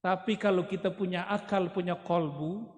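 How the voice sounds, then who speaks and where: Guy preaching, high voice, jokey storyteller, big echoey hall. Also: moderate pace. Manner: joking, animated storytelling. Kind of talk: humorous sermon.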